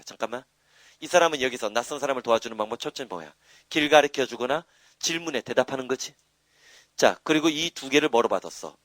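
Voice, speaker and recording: There's no room sound around this man's mid-range voice. Lecturing live on English grammar, he's animated, boasts in asides, and constantly nudges students with rhetorical questions and tags.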